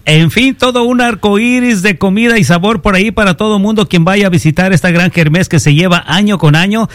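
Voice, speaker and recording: A man's voice: high voice, fairly quick, no echo. A man hosting a radio interview, chatty and rambling with many filler phrases. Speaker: radio host.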